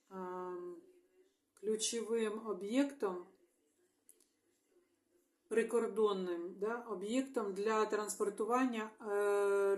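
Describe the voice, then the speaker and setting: A Ukrainian woman, a tarot reader, talking alone to her viewers in a halting way, thinking aloud and murmuring small agreements to herself. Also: mid-range voice, a little mellow. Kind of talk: solo video monologue. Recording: echoey room.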